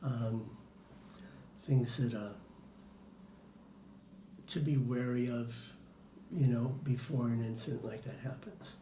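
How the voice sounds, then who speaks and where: A man's voice: medium pitch, takes it slowly, pauses often, dark tone. Guy telling stories in an interview, lots of ums, echoey room. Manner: hesitant, many fillers. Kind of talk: casual interview answers. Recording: roomy with faint noise.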